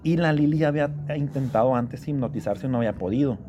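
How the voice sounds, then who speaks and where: A man's voice: mid-range voice, fast, background noise. Man, casual chatty storyteller. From Mexico. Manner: conversational storyteller, frequent affirmations. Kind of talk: casual chat.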